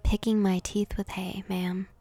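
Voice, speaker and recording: Whispered role-play: woman doing a deadpan teen farm boy, flat and creaky. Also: mid-range voice, unhurried, no echo, faint music behind. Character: guarded teenage farm boy, dry and deadpan.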